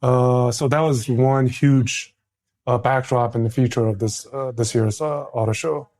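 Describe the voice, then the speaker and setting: A man's voice: mid-range voice, fairly even intonation, a little slow, a little mellow. A man co-hosting a casual roundtable discussion, emphatic and stressing key words between hesitations. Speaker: podcast co-host.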